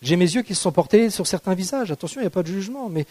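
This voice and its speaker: A man's voice: high-pitched, expressive, racing, darkish tone. A man preaching a sermon in a conversational, playful way, often asking the congregation rhetorical questions. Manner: playful, jokes with the audience.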